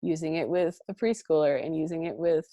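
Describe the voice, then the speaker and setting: A woman in her thirties, a guest parent coach on an online interview, talking in a warm, animated way with frequent laughs and fillers. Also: sits low, a little fast, no room sound. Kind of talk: conversational interview.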